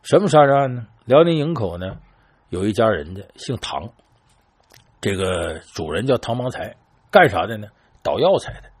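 A man telling an old crime story in a chatty, lively way, talking straight to his listeners and acting out the quoted lines. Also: lowish voice, moderate pace, breathy edge. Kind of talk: casual spoken storytelling.

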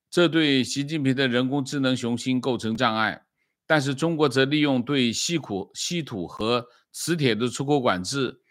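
A man giving spoken news commentary, with frequent drawn-out "ah" fillers and small self-corrections. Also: medium pitch, a bit bright, dry recording, clean studio sound.

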